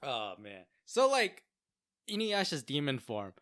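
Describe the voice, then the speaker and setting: Animated man, jokey podcast chatter. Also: mid-range voice, measured pace, dry recording, studio quality. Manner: animated, filler-heavy, jokey. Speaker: podcast co-host. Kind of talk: casual chat.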